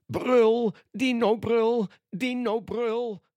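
A chanting toy dinosaur sings its own little roaring song in a high, bouncy voice, put on by a man reading a storybook. The sound is dry and close, and the tone stays mellow. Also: fairly even intonation, drawn-out words, no room sound, heavily acted.

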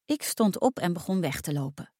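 A woman narrating a first-person storybook aloud in a lively, expressive reading. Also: fairly low pitch, normal speed, breathy edge, no room sound, studio quality.

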